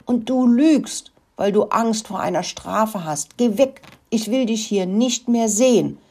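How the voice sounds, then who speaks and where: A woman playing a shrill, furious hen. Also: measured pace, darkish tone, breathy edge. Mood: scolding. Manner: shrill, scolding, clucking wildly. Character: furious mother hen defending her nest.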